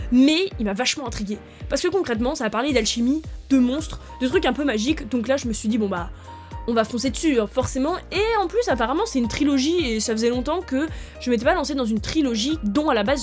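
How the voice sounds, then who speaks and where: A young woman chats to camera about books, excitable and full of fillers and restarts. Her voice sits a little high. Soft music plays quietly behind her. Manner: chatty and excitable, with many fillers. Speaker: book vlogger. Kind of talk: casual chat to camera.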